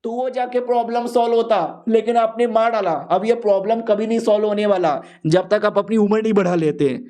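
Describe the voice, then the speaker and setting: A chatty little girl disciple, put on by a man in a comic story recap. The voice sits high and bright in pitch but with a soft, mellow tone. Talkative and girlish. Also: fairly even intonation, a little fast, close to an everyday voice. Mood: scolding.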